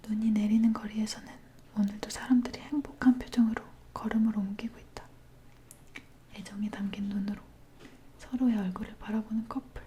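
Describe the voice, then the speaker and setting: A woman leaning in close to the ear microphone, reading a dark story aloud in a breathy, hushed ASMR whisper. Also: medium pitch, little pitch movement, brisk, a little hiss or hum.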